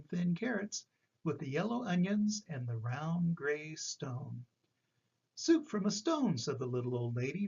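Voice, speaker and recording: Husky, animated grandpa voice reading a story. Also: male voice, on the high side. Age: older. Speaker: storyteller reading a picture book. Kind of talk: expressive children's read-aloud. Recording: slightly dull, lo-fi recording.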